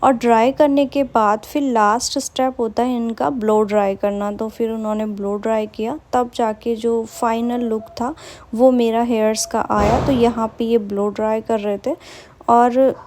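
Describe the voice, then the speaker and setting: Brief: young woman, chatty vlogger voice-over, mellow and slightly high. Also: level tone, unhurried, a little hiss or hum. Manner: chatty, enthusiastic, repeats "matlab" and "bahut hi". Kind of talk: casual vlog voice-over.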